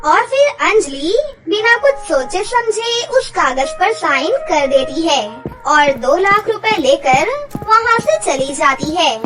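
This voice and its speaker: A woman narrating a children's fairy tale in a slow, clear storybook manner, with music behind her. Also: extremely high pitch, expressive. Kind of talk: scripted narration. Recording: background music.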